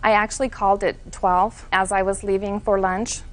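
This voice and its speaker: A woman plaintiff lays out her account in court, earnest and full of detail, quick to defend herself. Her voice sits at an ordinary middle pitch. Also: flat delivery. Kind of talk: testimony in court.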